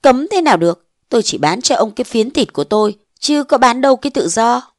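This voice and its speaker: A woman voicing a bold, scheming young wife of a mandarin, defiant and sharp-tongued, in a storybook reading. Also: fairly high pitch, lively intonation, fairly quick, dry recording, clean studio sound, voice pushed up, close to an everyday voice. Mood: scornful.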